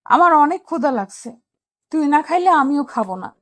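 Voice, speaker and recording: A woman's voice: high voice, expressive, normal speed, dry recording. A woman voicing a bossy, clingy young wife in a romantic audio drama, teasing and demanding.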